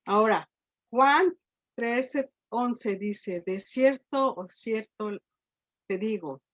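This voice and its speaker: A woman preaching a sermon, her voice sitting a little high. She keeps checking in with the congregation through tag questions and restarts words as she thinks aloud. The recording is dull and lo-fi. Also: extremely slow.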